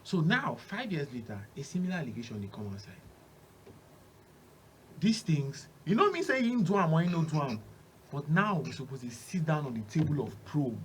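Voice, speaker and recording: A man's voice: on the high side, big pitch swings, fairly quick, slight background noise, low-quality recording. A Nigerian man giving opinionated Pidgin commentary as a panel analyst, emphatic and repeating phrases for stress.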